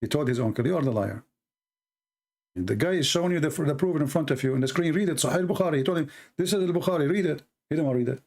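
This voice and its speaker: Racing along in a higher, expressive, slightly mellow voice, a debate show host with an Arabic accent delivers blunt, mocking, casual commentary. He is a native Arabic speaker from the Middle East and his English grammar is broken.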